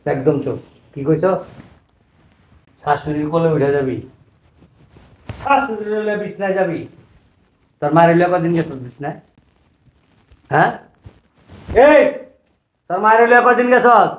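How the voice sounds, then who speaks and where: Man acting as a stern old father-in-law, high-pitched commanding voice, echoey room. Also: expressive, normal speed, pauses often, natural voice. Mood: angry. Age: older. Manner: scolding, commanding, hushes. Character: stern older father-in-law scolding a greedy son-in-law. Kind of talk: web drama acting.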